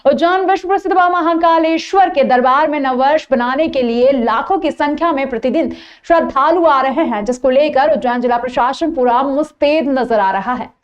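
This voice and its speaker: A woman with a high voice reads the local news in a formal, even newsreader style. The audio is dull and lo-fi. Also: moderate pace. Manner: formal, steady newsreader delivery. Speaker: news anchor. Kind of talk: scripted news reading.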